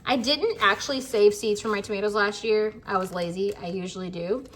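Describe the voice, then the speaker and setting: Chatty American woman with a bright voice. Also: mid-range voice, a little fast, a little hiss or hum. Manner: chatty and rambling, with many fillers. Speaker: gardening vlogger. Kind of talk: casual chat to camera.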